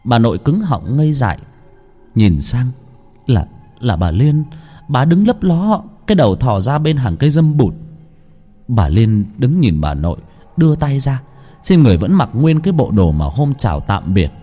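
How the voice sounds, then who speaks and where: A man narrating a village ghost story in a hushed, suspenseful storytelling manner. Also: medium pitch, big pitch swings, moderate pace, faint music behind.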